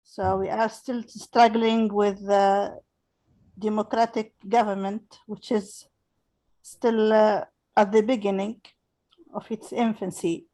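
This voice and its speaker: A woman in her fifties from Tunisia, an English teacher speaking slowly and earnestly on a video call, with many hesitations. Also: mid-range voice, level tone, mellow, poor audio. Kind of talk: casual talk on a video call.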